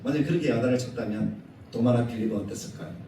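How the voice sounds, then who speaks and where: A male pastor delivering a Sunday sermon in a church, animated, acting out quoted scolding in a raised voice. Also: mid-range voice, racing, slight background noise. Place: church sanctuary. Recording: echoey church hall, mic at a distance.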